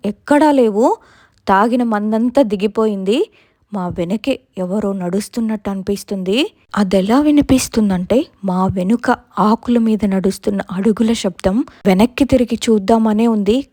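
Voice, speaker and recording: A woman with a Telugu accent narrating a first-person ghost story from a script, her quoted lines pushed louder. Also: medium pitch, no echo, clean studio sound.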